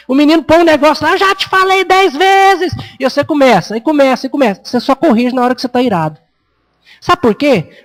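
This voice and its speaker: On a low-quality recording, a Brazilian pastor with an extremely high-pitched voice preaches an expository sermon. He speaks conversationally in Brazilian Portuguese and raises his voice to act out parents and children.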